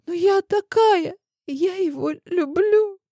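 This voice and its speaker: A sobbing, desperate young mistress, put on by a woman reading aloud, her voice pitched very high and thin with tears. She wails and pleads in an audiobook scene. The sound is dry and close. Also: slow, mellow, dry recording, heavily acted. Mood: tearful. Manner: high-pitched wailing, tearful. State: crying. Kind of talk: audiobook character voice.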